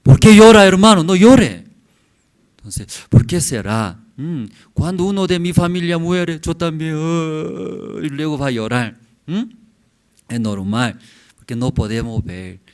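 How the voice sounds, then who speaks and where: In church, a man in his forties preaches with a slightly high, somewhat mellow voice. The pastor speaks in brief, halting phrases, repeatedly tossing questioning "mm?" tags to the congregation.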